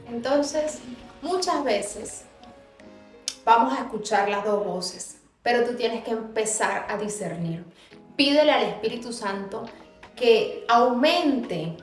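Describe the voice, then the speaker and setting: A woman preaching with fervor to her viewers from a clinic, swinging from soft words to loud emphasis. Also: fairly high pitch, reverberant. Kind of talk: preaching to the camera.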